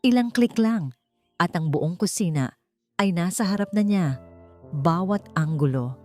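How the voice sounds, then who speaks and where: An audiobook narrator with a fairly low, expressive voice reads a dramatic story deliberately and suspensefully, landing short phrases with emphasis. Soft background music plays behind her, and there's no echo.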